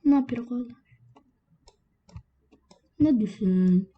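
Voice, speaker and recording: A woman with a somewhat high voice grumbles and rants through casual gaming commentary. The audio is dull and lo-fi, with steady noise underneath. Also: slow. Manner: grumbling, ranting at the game. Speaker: gaming channel host. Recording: lo-fi with background noise.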